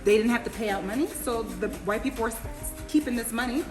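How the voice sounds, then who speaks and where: A slightly high-pitched woman hosts a casual chat in a restaurant. She is animated and quick to laugh, often turning to speak to her viewers. Music plays clearly behind her. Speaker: interviewer, vlogger.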